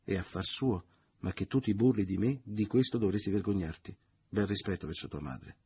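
A man with a husky voice voicing an indignant, suspicious middle-aged mother in an audiobook, her lines raised and exclamatory. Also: big pitch swings, fast talker, darkish tone, full character voice. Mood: bitter, indignant. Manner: shrill, bitter, exclamatory.

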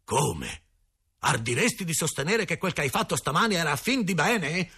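A man's voice: medium pitch, sing-song, normal speed, sharp tone, slightly rough, heavily acted. A man reading an audiobook, voicing a stern adult man who speaks with clipped irony. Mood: sarcastic. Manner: ironic, clipped.

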